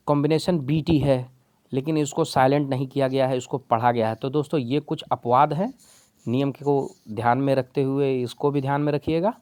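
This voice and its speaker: A man's voice: medium pitch, a little mellow, no echo. A man teaching spelling rules patiently, step by step, calling his viewers friends. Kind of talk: explaining a lesson in Hindi.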